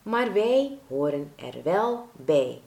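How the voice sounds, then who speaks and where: A woman's voice: deep voice, sing-song, slow pace, vocal fry, darkish tone, full character voice. A woman voicing a friendly family of grass blades who whisper in rhymes in a storybook. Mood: welcoming. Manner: sing-song whispering, rhyming. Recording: roomy echo.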